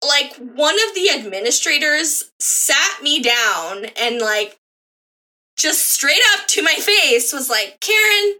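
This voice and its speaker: Young American woman podcast host, higher-pitched and sharp, bright tone, sweary casual storytelling. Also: takes it slowly, rough recording. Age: young adult. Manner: profane, slangy, animated storytelling. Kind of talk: casual chat.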